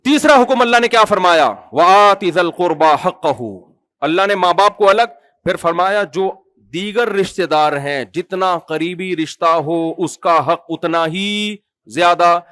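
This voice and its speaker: Pakistani male preacher, lively joking sermon, high voice, dry mic. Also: clean tone, no room sound. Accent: Pakistani Urdu. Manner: humorous, animated storytelling with acted quotes; asks the audience questions.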